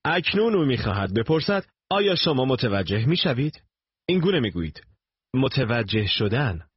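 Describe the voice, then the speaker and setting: Husky guy reading language lesson instructions, slow and careful, old muffled tape sound. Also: medium pitch, big pitch swings, no echo. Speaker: language course narrator. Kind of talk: scripted instructional narration. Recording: dull lo-fi tape recording.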